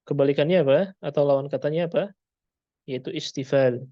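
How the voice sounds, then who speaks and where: A man's voice: fairly high pitch, steady tone, brisk, no echo, dull audio. A man with an Indonesian accent teaching Quran pronunciation, patiently repeating sounds and quizzing his class.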